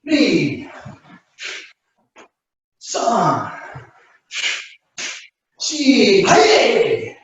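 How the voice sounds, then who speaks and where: Man, karate instructor, sharp clipped commands, very reverberant room, far from the mic. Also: high voice, very animated, very slow, long pauses, background noise. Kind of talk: martial arts lesson with shouted commands. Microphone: distant camera microphone. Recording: very echoey room, distant mic, dull sound.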